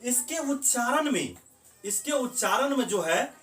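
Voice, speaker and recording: A man's voice: very high voice, animated, measured pace, a bit bright. A man teaching a grammar lesson, who asks the class questions and then answers them himself. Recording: echoey room, voice from a distance.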